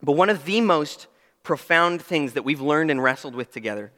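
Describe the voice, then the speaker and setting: A young man preaches a sermon in a church sanctuary, his bright voice sitting high. He talks in an earnest, emphatic way and slips in self-deprecating asides. The sound carries a long hall reverb. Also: lively intonation, moderate pace. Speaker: pastor.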